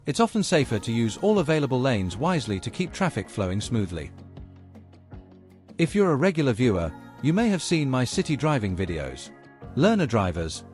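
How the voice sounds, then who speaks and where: Animated male driving-lesson narrator over music. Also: mid-range voice. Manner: measured, explanatory, addresses learners directly. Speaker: driving instructor presenting a video lesson. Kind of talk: scripted instructional narration.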